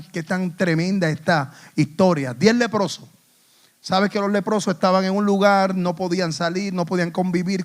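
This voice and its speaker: A male pastor preaching a sermon in a church, swinging between hushed asides and loud emphatic lines, with English phrases mixed in. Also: high voice. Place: church in the Bronx.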